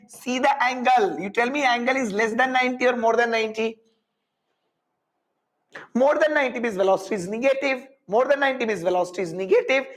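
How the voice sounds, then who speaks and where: A very high, slightly bright voice belongs to a man with an Indian accent leading a live physics lesson. He walks through each step, says phrases more than once, and asks students questions with Hindi tags sprinkled in.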